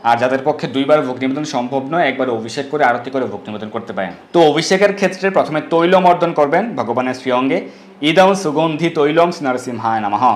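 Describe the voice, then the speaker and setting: A man giving step-by-step instructions for a devotional ritual, explaining each term and slowing down to chant the mantras. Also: medium pitch, roomy sound. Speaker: devotional teacher.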